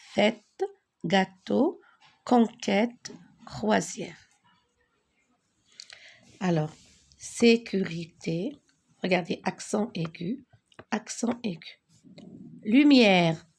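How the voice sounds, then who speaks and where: Woman, teacher, slow deliberate delivery, gravelly voice, husky edge, repeats key words. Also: mid-range voice. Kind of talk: French spelling lesson.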